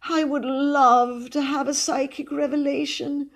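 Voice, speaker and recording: A woman's voice: sits high, little pitch movement, measured pace, voice pushed up. A woman voicing an elderly, thin, eccentric woman who speaks in an affected, sighing and dreamy manner. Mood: wistful.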